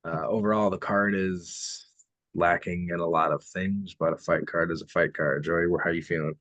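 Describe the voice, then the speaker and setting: A man's voice: low-pitched, normal speed, no room sound, muffled recording. A man co-hosting a sports betting podcast, talking casually and steering the conversation from fight to fight. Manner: relaxed, conversational, steers the show. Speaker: podcast co-host.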